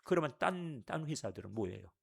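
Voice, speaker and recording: A man's voice: mid-range voice, a little fast, creaky, husky. A male pastor giving a sermon at a Friday church service, asking the congregation question after question. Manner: animated, rhetorical questions to the congregation.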